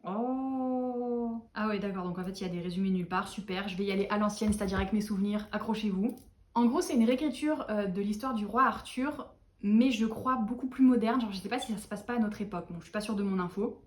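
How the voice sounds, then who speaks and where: A tired young woman chatting casually to camera as a book vlogger, animated and self-mocking. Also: mid-range voice, quick pace. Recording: echoey room.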